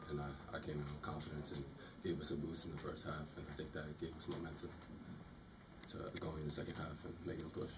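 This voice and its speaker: A man's voice: very deep voice, completely flat delivery, fast. A young man, a college basketball player, giving short, plain answers at a postgame press conference. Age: young adult. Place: press room. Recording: distant mic with loud room noise.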